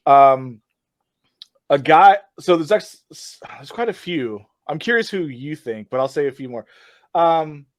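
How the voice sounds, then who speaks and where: A man's voice: a little high, animated, a little slow, no room sound. A man who plays in a metal band, chatting as a podcast guest, rambling and teasing a little. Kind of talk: casual chat.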